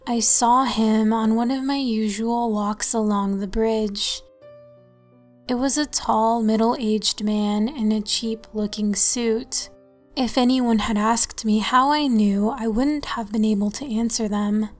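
A woman narrating a horror story in the first person, with a soft, calm delivery. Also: on the high side, slow, faint music behind.

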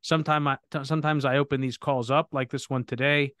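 Heard in a dry recording with clean studio sound, a man speaks at a quick pace in a medium pitch. He hosts a live podcast Q&A conversation energetically, often restarting his sentences as he self-corrects.

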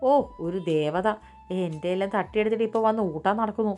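A woman's voice: mid-range voice, fast talker, close to an everyday voice. A spiteful, spoiled young woman , as a female narrator puts her on, snapping cruel, cutting words at her sister in an ordinary mid-range voice. Faint music plays beneath the storybook reading. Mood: angry. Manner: sharp, shouting insults.

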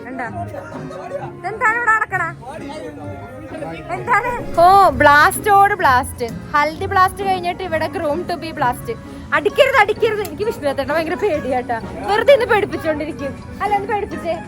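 A woman's voice: very high-pitched, animated, brisk. A woman vlogger chatting casually and playfully to camera and friends, mixing English words and slang into Malayalam. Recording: loud music and crowd noise behind. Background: music, crowd chatter.

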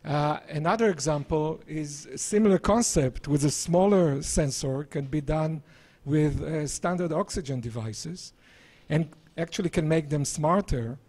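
A man in his sixties giving a live project presentation on a handheld microphone, speaking haltingly in broken-up phrases. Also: fairly high pitch, darkish tone, husky. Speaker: presenter, visiting scientist and entrepreneur. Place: small indoor presentation room. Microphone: handheld microphone, held at varying distance.

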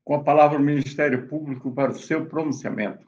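A man, the court president, chairing a virtual session with brisk, formal procedural calls over a video call. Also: a little high, a little mellow, dull audio.

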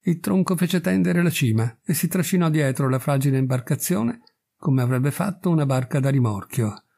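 A man reading a story aloud in measured, dramatic narration. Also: on the high side, expressive, creaky, warm tone.

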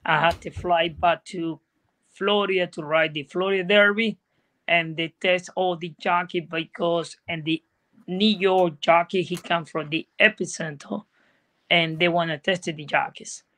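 The guest jockey, a middle-aged man from Venezuela whose first language is Spanish, talks over a laptop video call from indoors. With a fairly high, steady, fairly bright voice at a measured pace, he speaks earnest, plain non-native English in a Venezuelan Spanish accent.

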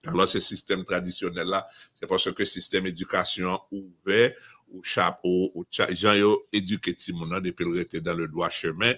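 A Haitian man with a Haitian accent speaks emphatically in a casual discussion, his low voice level in tone, pushed and bright, at a moderate pace. He often repeats and restarts phrases.

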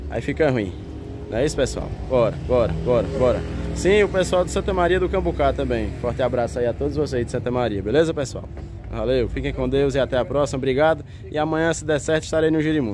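With background noise audible, a medium-pitched man from Pernambuco narrates a livestock fair for his vlog, speaking with a Northeastern Brazilian accent. He films outdoors on a handheld phone behind the camera, greeting viewers in a chatty, folksy way and repeating phrases.

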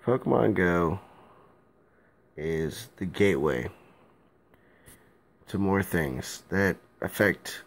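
With a low, creaky, yet expressive voice, a drunk young man rants his way through a casual vlog, halting, loose, and repetitive. He holds the phone at arm's length while recording in a small room at home.

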